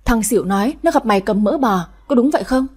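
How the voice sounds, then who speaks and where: A woman voicing a quick-tempered older mistress of the house who scolds harshly and fast, in a storybook reading. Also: on the high side, animated, a little mellow, husky. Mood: scolding. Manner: scolding, harsh, rapid-fire.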